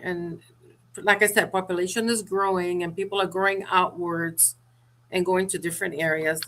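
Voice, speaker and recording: A woman's voice: fairly low pitch, bright, forceful tone. A middle-aged woman from Sierra Leone, an author and mortgage broker, answering interview questions in a businesslike way with small restarts.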